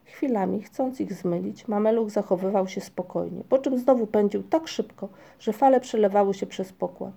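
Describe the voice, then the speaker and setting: A woman narrating a children's storybook in a measured reading. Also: medium pitch, gravelly, warm tone, slightly rough. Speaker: audiobook narrator. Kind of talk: scripted narration.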